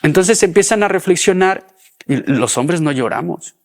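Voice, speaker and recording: A man's voice: high-pitched, lively intonation, moderate pace. A man, a podcast guest talking in a thoughtful, explanatory way. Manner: thoughtful, explanatory, repeats words when starting. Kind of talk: reflective conversation.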